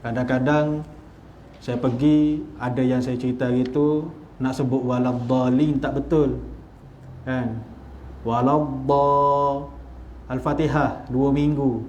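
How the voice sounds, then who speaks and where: A man's voice: medium pitch, fairly even intonation, a little slow, mellow, dull audio, slight background noise. A man with a Malaysian Malay accent teaching Quran recitation at an evening lecture in a small prayer hall, drawing out letter sounds as he demonstrates them. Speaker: religious teacher.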